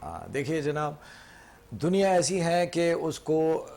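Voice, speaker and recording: A man's voice: fairly high pitch, sing-song, takes it slowly, creaky, darkish tone. A man from Pakistan, an English teacher and guest on a studio show, explaining step by step and checking in with "theek hai?".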